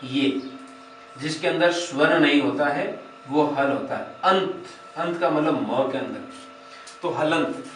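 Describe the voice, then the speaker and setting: A male teacher with a fairly high voice gives an exam-prep grammar lecture. He explains each point step by step, repeats key phrases and asks rhetorical questions. He is recorded in an echoey room with the mic set back from him. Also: slow pace, fairly bright tone, far from the mic, a little hiss or hum. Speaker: Sanskrit teacher.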